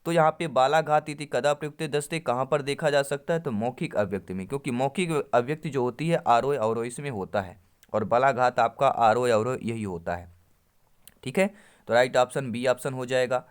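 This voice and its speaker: A man's voice: medium pitch, a little fast, clear, resonant tone. A man teaching an exam-prep lesson, reading Sanskrit options and explaining them in Hindi while addressing viewers as friends.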